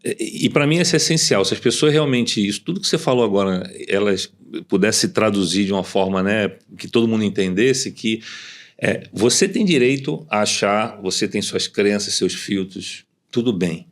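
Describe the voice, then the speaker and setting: A man's voice: lowish voice, normal speed. A man hosting a podcast, who rambles and repeats words as he restarts his sentences. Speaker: podcast host. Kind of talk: conversational podcast interview.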